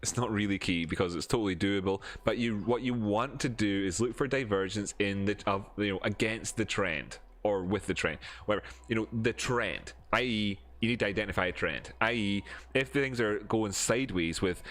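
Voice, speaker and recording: Speaking at a normal speed, the crypto streamer from Scotland has a fairly low pitch and a fairly bright tone with his Edinburgh accent. He answers chat and talks through charts on a casual live stream, often restarting and filling gaps.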